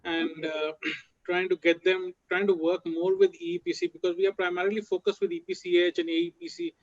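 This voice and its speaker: A man making an earnest point in an online meeting, with throat clearing and fillers. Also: high voice, flat delivery, fairly quick. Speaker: meeting participant. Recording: dull lo-fi call audio.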